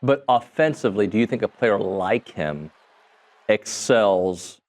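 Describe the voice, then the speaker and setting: A man's voice: lowish voice, expressive, a little slow. A man hosting a sports radio show, talking casually and thinking aloud. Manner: conversational, thinks aloud with restarts.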